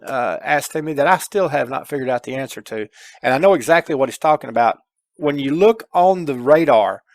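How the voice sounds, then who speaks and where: This gameplay tutorial host is a middle-aged man speaking through a headset at a medium pitch, with no echo. He walks his viewers through the game step by step in a casual, folksy, informal way.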